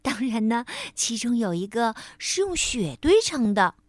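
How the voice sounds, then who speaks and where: A woman storyteller slowly and expressively narrating a children's story on a close mic. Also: a little high, dry recording. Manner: slow, expressive, warm storyteller tone.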